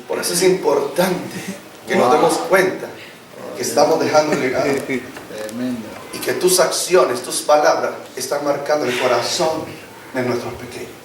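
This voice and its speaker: A pastor with a slightly high voice preaches at a moderate pace, leading call-and-response and acting out family dialogues. The recording comes from an echoey church hall with a distant mic, the congregation audible amid crowd noise.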